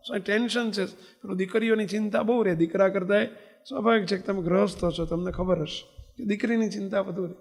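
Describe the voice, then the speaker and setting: A man's voice: sits high, fairly even intonation, quick pace, gravelly, long reverb tail. A man giving a sermon as a swami, telling stories and often putting questions to the audience. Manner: asks the audience frequent questions. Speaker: swami preacher. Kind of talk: sermon with storytelling.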